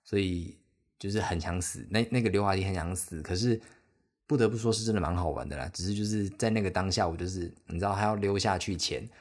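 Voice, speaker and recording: A man's voice: deep voice, quick pace. A young man with a Taiwanese Mandarin accent hosting a solo podcast, telling a travel story in a rambling, self-deprecating, chatty way. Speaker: podcast host.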